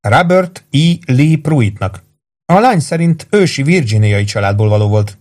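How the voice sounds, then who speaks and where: A man reading aloud and voicing a composed woman who speaks calmly and dryly, with a quiet bitterness. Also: mid-range voice, voice pushed up, lightly acted. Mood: matter-of-fact.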